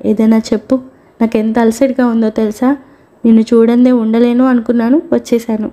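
A woman's voice: a little high, little pitch movement, normal speed, warm tone, lightly acted. A woman voicing an affectionate young husband in a read-aloud story, teasing his wife in plain lines.

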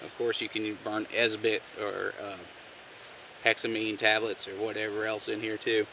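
Laid-back guy showing off a camp stove outside, bright voice, bit far from the cam mic, faint hum behind. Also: fairly low pitch, moderate pace, creaky. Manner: relaxed, folksy, with many fillers. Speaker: outdoor gear vlogger. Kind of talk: casual how-to demonstration. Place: outdoors on the ground, off camera.

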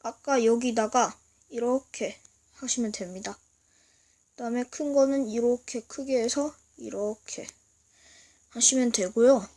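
A woman giving a casual video lesson, explaining slowly and haltingly and often clearing her throat. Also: a little high, darkish tone. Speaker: language teacher. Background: noise from outside.

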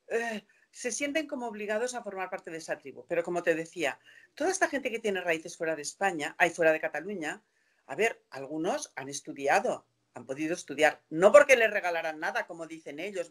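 Indignant older woman on a video call. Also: lowish voice. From Spain. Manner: passionate, indignant, rhetorical questions. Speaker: interview guest. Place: room at home.

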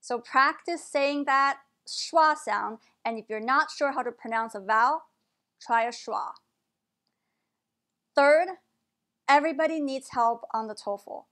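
A woman with a high voice teaches English pronunciation at an unhurried pace. She models each word carefully and clearly, in a patient classroom-lesson delivery. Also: a bit bright.

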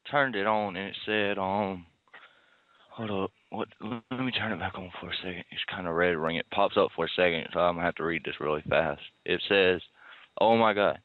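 A man with a low voice makes a prank phone call, talking briskly in a slangy, rambling way while pretending to have a tech problem. The recording is dry and comes through as a muffled, narrowband phone line.

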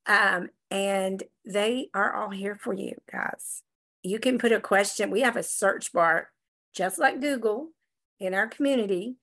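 A middle-aged woman telling her success story with effusive enthusiasm on a casual video call. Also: fairly low pitch. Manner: enthusiastic, effusive, animated retelling. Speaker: guest sharing a success story.

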